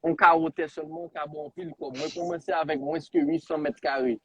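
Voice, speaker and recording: A young man in his twenties, a guest on a live interview who founded an agriculture venture, chats casually and rambles, restarting often as he moves between Creole and French. His voice sits on the high side with a steady tone, brisk pace and slight roughness, recorded with no echo.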